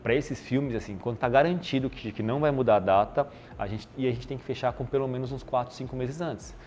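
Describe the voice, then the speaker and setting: A man's voice: medium pitch, fast, a little hiss or hum. A man with a Brazilian Portuguese accent, a podcast guest talking casually about his marketing job, with lots of fillers. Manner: relaxed, explanatory, lots of fillers.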